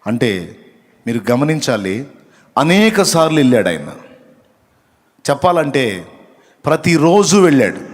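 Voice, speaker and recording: A man preaching a sermon who reads out Bible verses, asks the congregation questions and repeats key phrases for emphasis. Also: a little high. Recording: long reverb of a hall.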